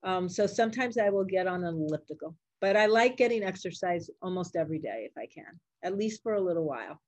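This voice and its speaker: A grandmother and doctor, older and Puerto Rican by birth or family, native in both Spanish and English, responds casually to an interviewer in simple, upbeat language for kids. Her voice is on the low side and darkish, quick and lively in intonation, recorded with no room sound.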